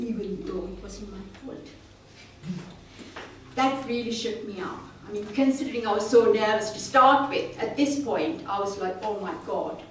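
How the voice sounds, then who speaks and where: This woman from Sri Lanka, a club speaker, recounts her story in a prepared speech, earnest and self-deprecating. Her mid-range voice is captured from a distance in a roomy meeting-room hall, with slight background noise.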